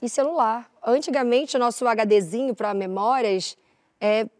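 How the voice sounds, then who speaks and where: A woman's voice: on the high side, unhurried, no room sound, studio quality. A woman on a chat panel, explaining thoughtfully and tagging her sentences with little checks for agreement. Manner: explains thoughtfully with many "né?" tags. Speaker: panel guest.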